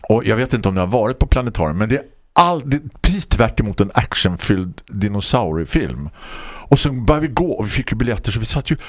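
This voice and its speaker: A man hosting a casual chat, telling a story in a lively way and laughing often. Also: no echo, studio quality. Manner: animated, laughing storyteller with big swings in pitch. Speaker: host.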